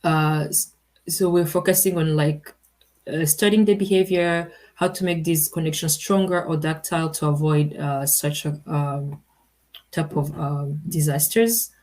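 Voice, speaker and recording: Young woman from Rwanda, PhD presenter, low voice, halting with fillers. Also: fairly even intonation, a little mellow. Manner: hesitant, many fillers, laughs off slips. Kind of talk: research presentation.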